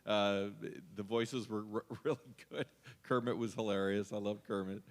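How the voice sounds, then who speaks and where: A man judging a talent show, giving halting, chuckling praise. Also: on the low side, fairly even intonation. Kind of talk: giving feedback. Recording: reverberant hall.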